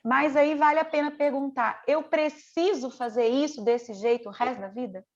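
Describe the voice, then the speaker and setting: Woman mentor, middle-aged, high bright voice, earnest teaching manner, dull lo-fi call sound. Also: moderate pace. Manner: earnest, conversational, piles up rhetorical questions. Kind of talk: online mentoring lesson.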